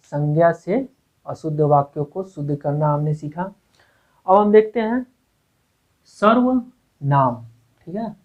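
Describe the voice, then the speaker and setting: A man's voice: a little high, mellow. A male Hindi grammar teacher giving an exam-prep lecture. He repeats words, asks himself rhetorical questions and keeps checking in with "okay". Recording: tinny phone-like lo-fi audio.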